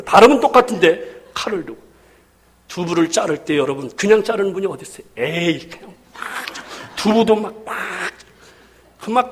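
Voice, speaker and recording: A man preaching a sermon as pastor, lively and humorous, acting out little household scenes. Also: high-pitched, husky.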